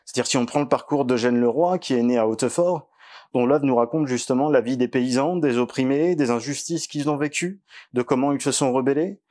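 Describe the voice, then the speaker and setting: A man from western France speaking at a public meeting in a village hall, earnest and halting with many fillers. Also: medium pitch, darkish tone. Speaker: political candidate.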